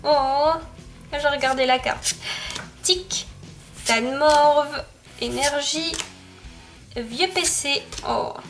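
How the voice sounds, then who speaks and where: A woman's voice: high voice, steady tone, drawn-out words, pauses often, fairly bright tone, soft background music. A woman YouTuber giving casual, chatty commentary as she opens card packs, reading off card names and laughing often.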